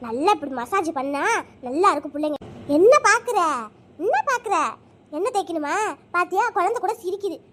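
A woman voicing a bossy, meddling older mother-in-law in a cartoon, scolding and shrill. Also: animated, quick pace. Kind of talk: cartoon voice acting.

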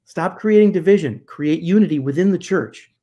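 A man in his fifties, a guest church historian, speaking over a video call from a home study, emphatic and animated with rhetorical questions. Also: a little high, moderate pace, lo-fi sound. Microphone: video call webcam.

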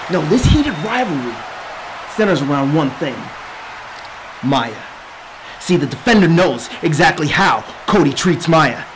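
A man's voice: high voice, a little hiss or hum, rough recording. A young man playing a boastful, theatrical pro wrestler who talks in the third person in a promo parody, drawing out key words. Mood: brooding intensity. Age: young adult. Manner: theatrical, boastful, drawn-out emphasis. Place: small indoor set, dark backdrop.

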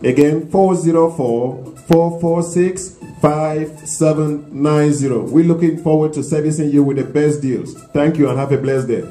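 A middle-aged man with a Cameroonian accent, a guest promoting his business in a studio interview, earnest and careful as he spells details out slowly into a handheld mic. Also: on the high side, warm tone, roomy sound, soft background music. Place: small studio set with couches.

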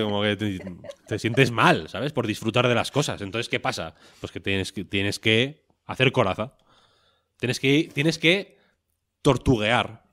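A man's voice: fairly low pitch, a bit bright. A man, co-hosting a podcast in casual chat, rambling and joking with a lot of swearing. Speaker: podcast co-host.

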